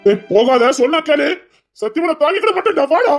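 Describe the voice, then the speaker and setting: A man's voice: high-pitched, fairly quick, faint music behind, close to an everyday voice. An actor playing an anguished man who keeps begging someone to come inside, in melodramatic acting with a Tirunelveli Tamil accent. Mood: pleading. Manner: pleading, repeatedly calling out. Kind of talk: melodramatic web-series acting.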